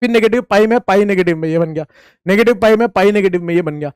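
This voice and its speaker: A man's voice: sits high, fast, smooth, no echo, studio quality. A man teaching chemistry in a casual, joking lecture, who repeats key points and asks and answers his own questions while addressing students like friends. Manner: chatty and teasing, talks to students as friends. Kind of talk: informal classroom lecture.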